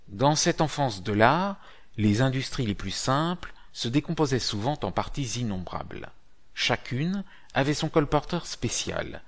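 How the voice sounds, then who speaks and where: A man narrates a script in a formal, literary reading manner. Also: medium pitch.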